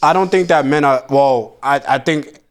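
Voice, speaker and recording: A man's voice: a little high, moderate pace. A man hosting a casual podcast chat, telling stories in a joking, profane way. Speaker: podcast host.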